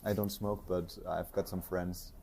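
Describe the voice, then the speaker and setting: A man's voice: deep voice, little pitch movement, a little slow, gravelly, dark tone, slight background noise. A man hosting a podcast interview, asking questions and giving short encouraging responses. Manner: short encouraging backchannels, asks questions with some fillers. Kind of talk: casual conversational interview.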